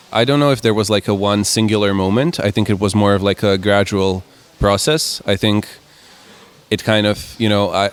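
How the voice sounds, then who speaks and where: Low, smooth-voiced young man. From Croatia. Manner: relaxed, rambling with many "like" and "kind of" fillers. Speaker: musician guest. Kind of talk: casual interview answers.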